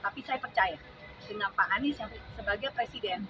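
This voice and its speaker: A middle-aged woman giving an impassioned, earnest speech at an outdoor gathering, halting now and then with fillers. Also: medium pitch. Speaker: speaker at a supporters' gathering. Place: outdoors at a large public venue. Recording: distant muffled outdoor recording. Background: outdoor noise and passing vehicles.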